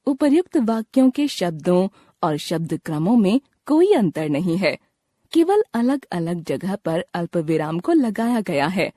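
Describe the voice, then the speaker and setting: Slow, expressive female lesson narrator. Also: medium pitch, no room sound. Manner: slow, clear, expressive teacherly reading. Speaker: textbook narrator. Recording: dry close studio recording.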